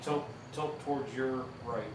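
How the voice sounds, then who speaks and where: A man's voice: medium pitch, steady tone, measured pace. A man chatting casually and giving hands-on pointers in a workshop. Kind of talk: casual chat and hands-on instruction. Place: forge workshop. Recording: distant, echoey, very noisy workshop.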